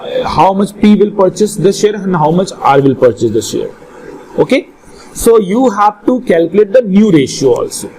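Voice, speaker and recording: A man's voice: fairly high pitch, a little mellow, rough recording. A man with a North Indian accent teaching a live online lesson, questioning and instructing students and often repeating his phrases. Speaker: accountancy teacher.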